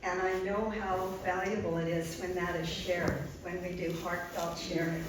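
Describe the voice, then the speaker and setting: A woman's voice: lowish voice, flat delivery, normal speed, noisy background. An older woman, a poet and art therapist, reading her poems at an open mic, talking earnestly with frequent ums between lines. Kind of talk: live poetry reading with spoken asides. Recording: very echoey room, distant mic, audible ambience.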